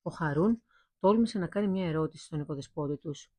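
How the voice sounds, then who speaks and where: A woman narrating a fairy tale, reading it aloud at a steady pace. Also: sits low, no room sound. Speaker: storyteller.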